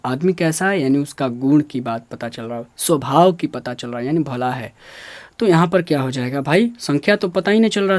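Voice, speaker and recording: A man with a slightly high voice, recorded without echo, gives an exam-prep Hindi grammar lesson. He poses questions and answers them himself, repeats key words, and insists on careful pronunciation.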